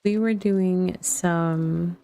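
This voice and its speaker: Speaking very slowly in a fairly low, gravelly voice, this middle-aged woman keeps a steady, warm tone. She's a livestreamer playing a video game, making casual conversation as she plays, thinking out loud and wandering off topic a bit.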